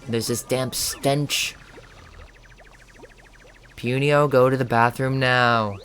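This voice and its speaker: A man voicing a stern old woman elder who scolds and lectures in a gruff way in a video game. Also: medium pitch, steady tone, slow, a bit bright, faint music behind.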